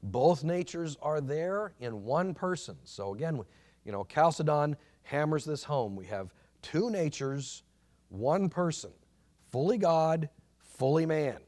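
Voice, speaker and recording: A man teaching a church history class in an informal lecture, earnest and halting, with many restarts and fillers. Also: a little high, lively intonation, darkish tone.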